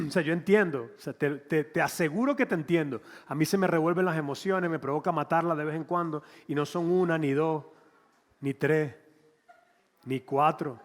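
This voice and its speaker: A man, a pastor preaching an animated, conversational sermon and acting out little scenes. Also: a little high, normal speed, long reverb tail. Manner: animated, conversational, acts out quotes.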